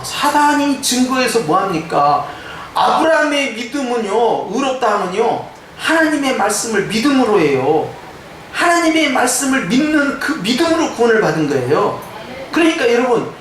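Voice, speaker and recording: A man preaching with a high voice that leaps up and down as he acts out the voices in his stories. He speaks with a touch of Jeolla dialect. The mic is set back from him, and his voice carries through a very echoey church hall with a faint hum behind. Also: far from the mic. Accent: Korean, some Jeolla dialect. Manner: animated preaching, mimicking quoted voices. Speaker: pastor. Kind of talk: sermon. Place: church sanctuary.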